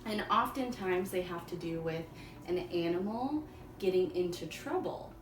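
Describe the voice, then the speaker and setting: A woman teacher reading a storybook aloud for young children, in simple, deliberate phrases. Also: fairly low pitch, expressive. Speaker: elementary school teacher. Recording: echoey room, distant mic, faint noise.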